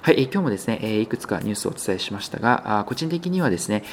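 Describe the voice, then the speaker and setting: A man's voice: lowish voice, sing-song, very fast, a little hiss or hum. A male business news host talking through market figures in a conversational, unscripted way, with many filler sounds and hesitations. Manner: conversational, polite sign-off.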